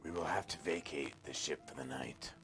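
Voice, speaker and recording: A man voicing a gruff first mate aboard a ship, speaking in a low, curt, hushed way. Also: moderate pace, faint music behind, full character voice.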